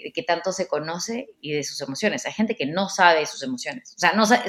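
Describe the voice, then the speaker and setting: A woman's voice: lowish voice, a bit bright. Woman explaining in an echoey room. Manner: explanatory, repeats words while thinking. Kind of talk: casual conversational advice.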